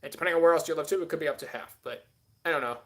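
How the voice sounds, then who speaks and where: A man's voice: fairly high pitch, racing, fairly bright tone. A man hosting a live stream, rambling casually and answering chat with many filler words.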